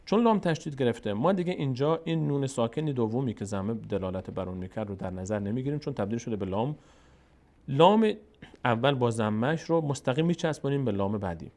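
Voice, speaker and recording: A man teaching Quran reading step by step, explaining rules and slowly drawing out syllables to model them. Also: mid-range voice, animated, darkish tone.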